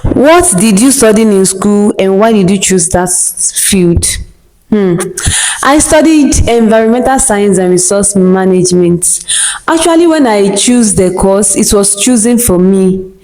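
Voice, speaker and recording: Young Nigerian woman, Nigerian accent, unhurried reader of her own Q&A, warm dark tone. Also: mid-range voice, animated, poor audio. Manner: slow and deliberate, reads each question aloud before answering with short laughs. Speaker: content creator answering viewer questions. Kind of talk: scripted question-and-answer monologue.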